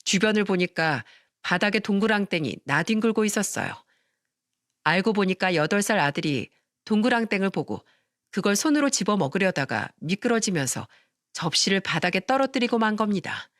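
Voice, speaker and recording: A woman telling a first-person story with a lively, rising-and-falling delivery. The sound is close and dry, with no room echo. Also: medium pitch, moderate pace. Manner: expressive storytelling, acting out quarrels. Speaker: narrator.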